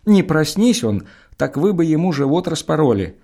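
Man voicing a tipsy medic, scornful, accusing, higher, louder. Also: sing-song, moderate pace. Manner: mocking, accusing.

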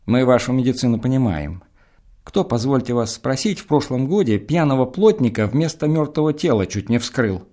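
A man's voice: mid-range voice, expressive, normal speed, mellow, lightly acted. Man doing a tipsy, scornful country medic. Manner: mocking, accusing.

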